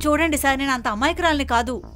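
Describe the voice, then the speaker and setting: A woman's voice: sits high, fast talker, fairly bright tone, faint music behind. An actress playing a chatty, nosy landlady talking to police. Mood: gossipy. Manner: gossipy, chatty.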